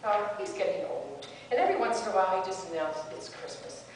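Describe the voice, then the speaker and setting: On a hall stage, a stage actress performs a theatrical monologue as an elderly wife married sixty years, recounting her story fondly with a wry touch. Her mid-range voice is very animated and fast, lightly acted. The sound is echoey, with the mic far away and faint noise.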